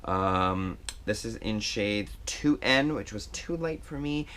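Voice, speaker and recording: A man's voice: fairly low pitch, animated, slow, pushed and bright, clear, resonant tone. Man filming a makeup tutorial at home, loose chatty delivery with fillers, pokes fun at himself. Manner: chatty and self-deprecating, rambling with fillers. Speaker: makeup vlogger. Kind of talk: casual makeup tutorial chat. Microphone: action camera.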